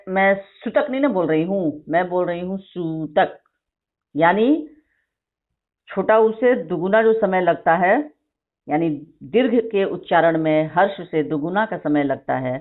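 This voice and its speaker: A woman teacher dictating a vocabulary list to her class, repeating each word slowly and explaining spelling. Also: on the low side. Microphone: phone recording of an online class. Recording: tinny phone-like screen recording.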